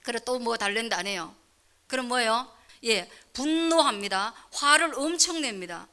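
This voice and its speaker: A woman pastor preaching a sermon who asks the congregation questions and answers them herself. She swings between fervent near-shouting and soft whispers. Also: fairly high pitch, expressive, normal speed.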